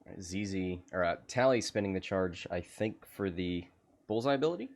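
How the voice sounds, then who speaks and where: A man doing casual game commentary on a livestream, laughing often and getting excited. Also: deep voice, brisk.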